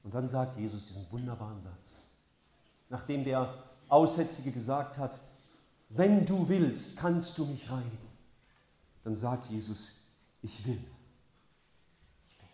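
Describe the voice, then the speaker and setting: An older male pastor preaching a heartfelt sermon, moving between quiet tenderness and loud, urgent appeals. His voice sits at a middle pitch and rings out in an echoey church hall. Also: expressive, measured pace, long pauses. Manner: passionate, swings from soft to loud.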